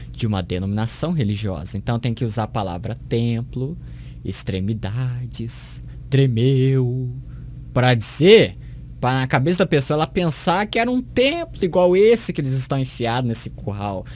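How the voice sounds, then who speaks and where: A man's voice: medium pitch, expressive, normal speed, darkish tone. A man in a mid-range voice picks apart a sermon with scorn and sarcasm. There is a faint hiss behind him. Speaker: commentator reacting to a sermon. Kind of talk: critical reaction commentary.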